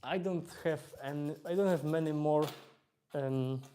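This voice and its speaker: Relaxed Polish-accented man on a live stream. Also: on the high side, a little slow, slight background noise. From Poland. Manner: relaxed, chatty, reads chat aloud, hesitant fillers. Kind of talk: casual live-stream chat while playing.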